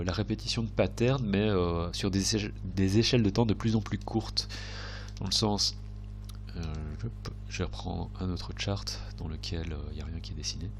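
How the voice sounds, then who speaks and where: Low-pitched and a little stuffy from a cold, this man's voice carries a faint hiss or hum in the recording. As a trading video host, he offers unscripted, hesitant chart commentary, often revising what he says mid-thought.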